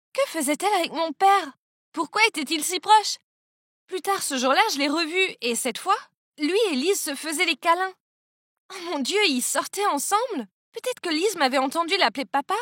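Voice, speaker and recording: A young woman reads a first-person story in a scripted, dramatic way, full of exclamations. Her voice is high, bright and sharp. The recording is very dry and close. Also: no echo. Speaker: narrator.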